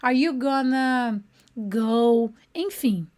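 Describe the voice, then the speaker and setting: A woman with a high, bright speaking pitch gives an online English lesson in speech. She keeps checking in with her listeners and slows down whenever she models an English phrase. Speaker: English teacher.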